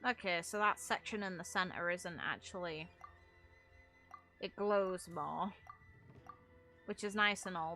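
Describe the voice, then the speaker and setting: A woman with a lowish, sharp-toned voice chats casually while livestreaming a video game, rambling wryly and swearing a bit. Game music plays behind her.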